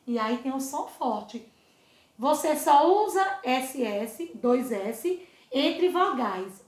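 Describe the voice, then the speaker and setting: A woman teaching a recorded lesson to young children, with a high voice and a slow, patient pace. She repeats words, stretches them out and keeps asking if they see, fond of her pupils. The room gives her voice a clear echo. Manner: slow, drawn-out, repeats words and asks "tá vendo?"; affectionate with pupils. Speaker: primary school teacher.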